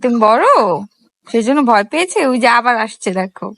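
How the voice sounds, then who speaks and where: A mother filming her small child, talking in a gentle, coaxing way and asking many little questions. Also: on the high side, lively intonation, fairly quick, dry recording. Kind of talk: casual vlog talk to a small child.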